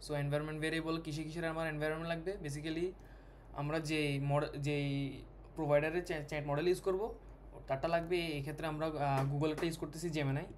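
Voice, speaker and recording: A man's voice: a little high, flat delivery, slight background noise. A man teaching a programming lesson over a screen recording, thinking aloud with many fillers and restarts. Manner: code-switching, halting with fillers and restarts. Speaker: programming tutor.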